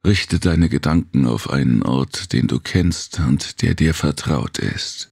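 A man voicing a calm, protective male companion who speaks inside a heroine's mind, soothing her with gentle mockery. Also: rumbling low, slow pace, creaky, slightly rough, no echo, clean studio sound, full character voice.

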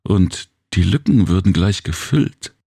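A man with a very deep, gravelly voice voicing a playful young female warrior in a storybook reading, speaking in a lilting, coy way. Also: animated, measured pace, warm tone, no room sound, clean studio sound, exaggerated voice. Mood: coy, teasing. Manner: lilting, coy, sing-song.

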